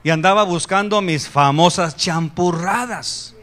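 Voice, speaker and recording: Animated high-voiced man preaching. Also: a little slow. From Guatemala. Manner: animated preaching, rising loud for emphasis, joking asides. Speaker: pastor. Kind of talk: sermon.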